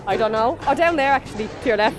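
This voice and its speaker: A woman's voice: fairly high pitch, animated, quick pace, loud music behind the voice. A young woman on a city street, answering in a teasing, giggly way. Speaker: passer-by.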